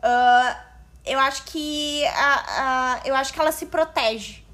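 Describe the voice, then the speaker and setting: Bright-voiced southern Brazilian woman. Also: high-pitched, takes it slowly. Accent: Southern Brazilian Portuguese. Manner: hesitant, thinks aloud. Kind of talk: casual discussion.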